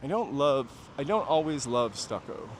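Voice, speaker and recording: A man from New Hampshire with a mid-range, sing-song voice rambles casually at normal speed while walking, like a livestream tour host talking to viewers. Light traffic and urban street noise surround him outdoors.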